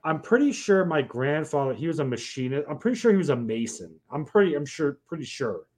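A man's voice: on the high side, very animated, fairly quick, a little mellow. A man co-hosting a podcast, trading crude jokes in casual comedic banter. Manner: crude, playful, laughs easily. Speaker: podcast co-host.

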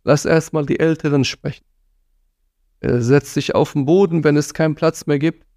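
Gravelly earnest male preacher. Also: fairly high pitch, fairly even intonation, moderate pace, mellow, no room sound, studio quality. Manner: earnest and admonishing, sprinkles Arabic phrases. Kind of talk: religious talk on parenting.

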